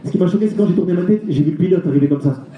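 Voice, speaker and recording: A male stand-up comedian doing a live routine, telling rapid, animated stories and slipping into acted voices. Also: high voice, highs cut off. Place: live comedy show venue. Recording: echoey venue with crowd.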